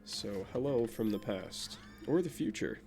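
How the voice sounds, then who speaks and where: This is a young man from Vermont, USA, whose naturally nasal voice is fairly low and darkish, expressive and measured in pace. He rambles casually while gaming, with game music behind him, talking about his life in an offhand, self-deprecating manner.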